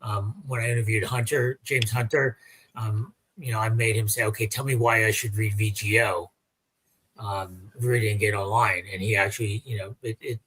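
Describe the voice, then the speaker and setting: Husky male interview host. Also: on the low side, steady tone, a bit bright. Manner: thoughtful, halting with restarts. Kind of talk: casual interview chat.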